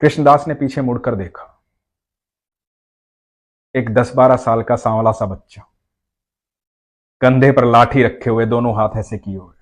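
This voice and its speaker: A man narrating a devotional story in a gentle, unhurried, soft-spoken way. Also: mid-range voice, fairly even intonation.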